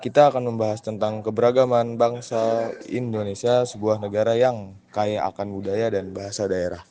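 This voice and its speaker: Man, lowish voice, school video intro, list-like announcing. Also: level tone, normal speed, dark tone. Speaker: student presenter. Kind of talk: read educational introduction.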